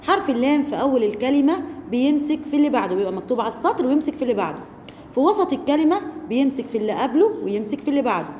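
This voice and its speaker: A high-pitched woman teacher with an Egyptian accent walks young pupils through a lesson. She draws out each example word slowly and clearly. The recording is roomy, with a faint hiss behind her. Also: expressive, a little mellow. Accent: Egyptian Arabic. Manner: slow, stretched-out pronunciation of example words. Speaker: primary school teacher. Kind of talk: recorded online lesson for first graders.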